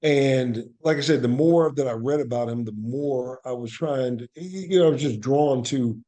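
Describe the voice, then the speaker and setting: With a dark tone and medium pitch, this man speaks at a normal pace as a podcast interview guest. An actor and playwright, he reflects earnestly in conversation and repeats phrases to stress his points.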